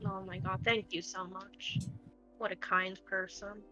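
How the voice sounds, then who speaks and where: An eager, chatty woman taking her turn as a player in a tabletop game. Her voice is bright and forward at a middle pitch, with faint music behind her. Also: level tone, unhurried, muffled recording. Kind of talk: casual tabletop play.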